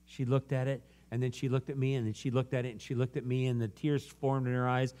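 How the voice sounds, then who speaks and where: A man preaching a sermon, earnestly telling a story that moves from animated to hushed. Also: mid-range voice, fast. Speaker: guest preacher.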